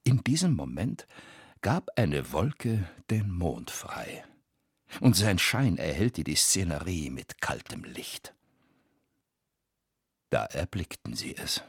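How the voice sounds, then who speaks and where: A man reading a dark story aloud in a measured, suspenseful narration with a husky voice. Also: low-pitched, very animated, dry recording, studio quality. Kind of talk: scripted audiobook narration.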